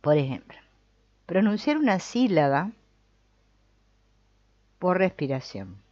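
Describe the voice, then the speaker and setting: A woman explaining exercises in an online course, conversational and often tagging phrases with a questioning "no?", pausing now and then to search for a word. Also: lowish voice, sing-song, mellow, no room sound. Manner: pauses to search for words and corrects herself. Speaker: course instructor. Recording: dull, slightly muffled recording.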